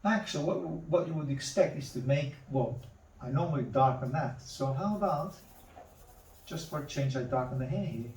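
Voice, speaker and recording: A man demonstrating charcoal drawing, talking slowly to himself as he works and repeating words under his breath. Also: on the high side, a little mellow. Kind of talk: thinking-aloud drawing demonstration. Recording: roomy, mic at a distance.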